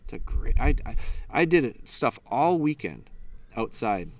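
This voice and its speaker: A man's voice: mid-range voice, very animated, a little slow. A man hosting a podcast on retriever training, explaining methods in a blunt, folksy, casual way and voicing what the dog thinks. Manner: blunt, folksy, acts out the dog's thoughts. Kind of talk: casual instructional talk.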